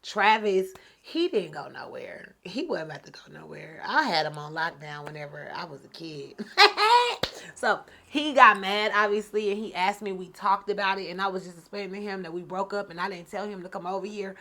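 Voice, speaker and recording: A woman podcast host tells a story from her own life with loose, slangy energy, breaking into laughs and swinging loud then hushed. Her voice sits at an ordinary middle pitch. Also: fairly quick, hardly any pauses. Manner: animated, slangy, laughs often. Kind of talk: personal storytelling.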